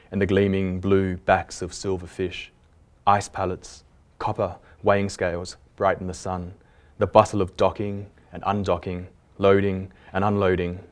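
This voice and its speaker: Author reading his own fiction at a library event: a man with a lowish voice, measured and deliberate delivery. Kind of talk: literary reading aloud.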